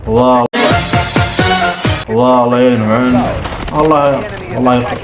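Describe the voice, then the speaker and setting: A young man giving excitable, teasing live commentary while playing a shooter game. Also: medium pitch, a little fast, over loud music. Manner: excitable, teasing, mutters complaints. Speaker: gaming streamer. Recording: game audio with gunfire behind.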